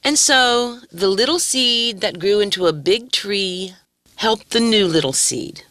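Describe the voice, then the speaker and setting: Woman, kids' story narrator, bright, dry, slow. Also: mid-range voice, dry recording. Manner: gentle, expressive.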